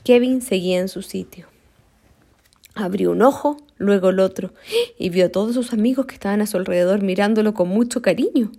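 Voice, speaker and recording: A woman reading a children's story aloud in an expressive, slow, deliberate way, sometimes stumbling and restarting a word. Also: mid-range voice.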